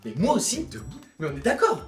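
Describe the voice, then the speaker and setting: High-voiced playful young man. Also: wildly swooping pitch, brisk, soft background music. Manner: playful, jokey, breaks into song. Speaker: co-host. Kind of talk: casual chat.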